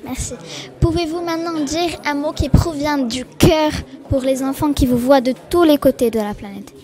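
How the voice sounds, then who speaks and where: A woman's voice: sits high, normal speed, a little mellow. A woman interviewer asking formal, carefully worded questions. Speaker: youth interviewer. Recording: crowd noise behind. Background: crowd chatter.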